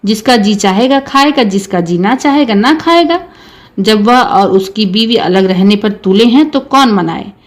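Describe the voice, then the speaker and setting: A woman's voice: mid-range voice, animated, a little slow, close to an everyday voice. A woman voicing a weary older village aunt who speaks in a resigned, curt way in a read-aloud story.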